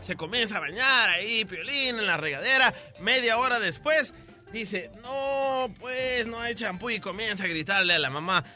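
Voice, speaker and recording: A man working as a radio DJ, telling a joke in a casual, animated way. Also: sits high, normal speed, faint music behind.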